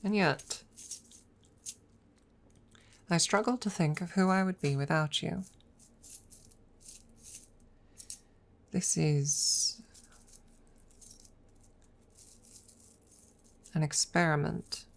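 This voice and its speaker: In this ASMR audio roleplay, a woman plays a proud, guarded female dragon who is secretly fond of her rival. Her low-pitched voice stays in a close, breathy murmur that often slips toward a whisper, and her mood is guarded and reflective. The close-miked delivery is formal, deliberate and hesitant, with long pauses.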